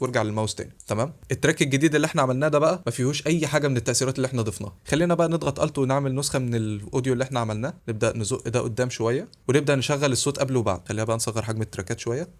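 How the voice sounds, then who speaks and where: A man with an Egyptian Arabic accent narrating a software tutorial, explaining each step briskly and speaking to the viewer. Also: mid-range voice. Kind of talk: screen-recorded tutorial voice-over.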